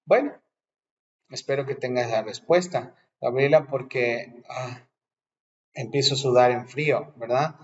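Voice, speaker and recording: A man teaches English grammar in a patient, explanatory way, mixing with English example sentences. His voice sits at a middle pitch, and the recording sounds slightly dull and lo-fi. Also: a little slow. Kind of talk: bilingual grammar lesson.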